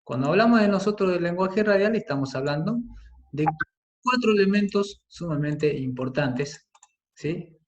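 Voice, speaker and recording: A man teaching a class on radio production, speaking slowly and deliberately and often checking in with his listeners. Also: high voice, lively intonation. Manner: patient, with frequent "¿sí?" and "¿bien?" checks; slow and deliberate on key words, with some fillers.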